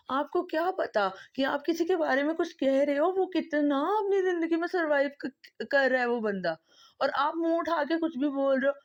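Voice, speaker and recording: A woman vlogger from Pakistan delivers an impassioned, pleading monologue in a high-pitched voice, with the highs cut off in the recording. Emotional and close to tears, she drives her points home by repeating them.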